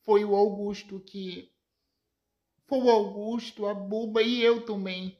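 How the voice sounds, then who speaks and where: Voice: mid-range voice, steady tone, slow, lo-fi sound, pitched above the performer's own voice, natural voice. A narrator voicing a young woman who apologizes and pleads after being caught in a lie. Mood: pleading. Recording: roomy echo.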